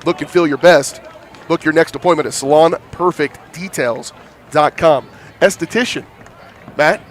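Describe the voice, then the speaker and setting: A man doing live high school football commentary with a thick smoker's rasp, congested from hay fever. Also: normal speed, slight background noise. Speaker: play-by-play announcer. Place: outdoor football stadium broadcast.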